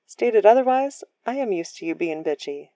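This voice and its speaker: Woman reading as a deadpan, literal ship AI. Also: medium pitch, moderate pace, no room sound, natural voice. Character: female ship AI, literal and precise.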